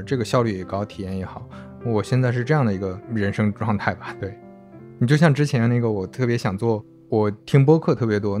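A man in his thirties, a podcast guest, talking through his thoughts in a relaxed, reflective way with small restarts. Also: medium pitch. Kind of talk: casual podcast chat.

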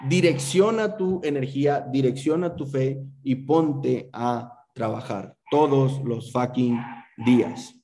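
A man's voice: medium pitch, slow, mellow, slight background noise. A man giving a motivational speech to his sales team on a group call, emphatic and full of rhetorical questions, with some swearing.

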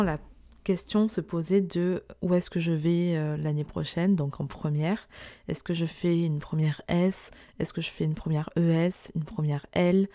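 A woman's voice: on the low side, dark tone, dry recording, clean studio sound. A young woman with a morning voice, hosting a solo podcast in an informal, reflective storytelling style, speaking directly to the listener. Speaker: podcast host, entrepreneur and part-time lecturer.

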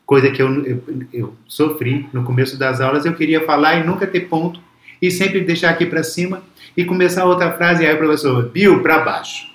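Man, higher voice, echoey room. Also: steady tone, brisk, fairly bright tone. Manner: reflective, storytelling, frequent restarts. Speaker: guest. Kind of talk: casual conversation.

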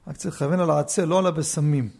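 Gravelly high-voiced male rabbi teaching. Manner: lively storyteller, joking asides, swings from hushed to loud. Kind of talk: Torah lesson with anecdotes.

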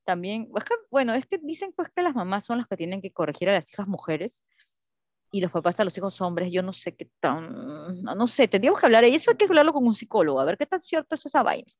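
A woman chatting casually, telling animated stories and acting out the voices of the people in them. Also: mid-range voice, fast talker, no room sound, studio quality. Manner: animated storytelling, acts out quotes, laughs often. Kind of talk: casual chat.

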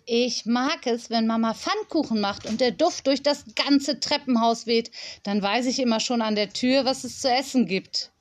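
A proud little schoolgirl with a high voice, put on by a woman reader, used to top grades. She sounds whiny and indignant, quick to feel wronged. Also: natural voice. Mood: shy, fond.

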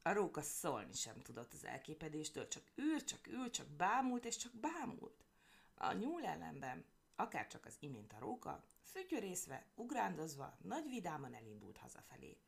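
A woman reading a children's story aloud in a playful, expressive way. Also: deep voice, creaky.

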